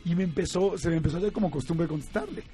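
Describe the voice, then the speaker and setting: Mexican man, high voice, animated storyteller, laughs a lot, faint music behind. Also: racing. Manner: animated, laughs often, acts out quoted voices. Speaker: guest. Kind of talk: casual storytelling.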